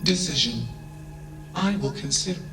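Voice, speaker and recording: An actor playing an emotionless male artificial intelligence in a video game, speaking in a flat, machine-like way with clipped one-word status reports. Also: fairly high pitch, moderate pace, gravelly, over loud music.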